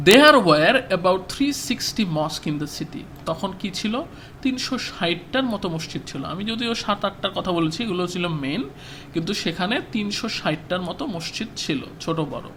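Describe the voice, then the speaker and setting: A Bangladeshi man teaching a textbook lesson in a fairly high voice. He reads each English line slowly, then breaks it down patiently and asks his students questions he answers himself. Faint noise sits behind his voice. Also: fairly bright tone. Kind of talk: classroom lesson explaining a textbook.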